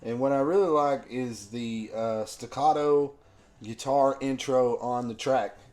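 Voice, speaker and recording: A man with a sore, rough throat giving a casual album review, slow and loose with lots of ums. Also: mid-range voice, darkish tone. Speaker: music reviewer.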